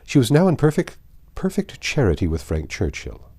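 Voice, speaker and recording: With a husky, mid-range voice, a male audiobook reader narrates a classic novel in a measured, formal style, expressively leaning on stressed phrases.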